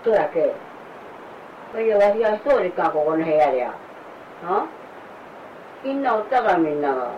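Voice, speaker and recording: Querulous older woman, wildly swooping pitch. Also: expressive, moderate pace, long pauses, dull audio. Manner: querulous, scolding, repetitive. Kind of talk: agitated complaining in casual home talk. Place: indoor room at home. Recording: distant mic, faint background noise.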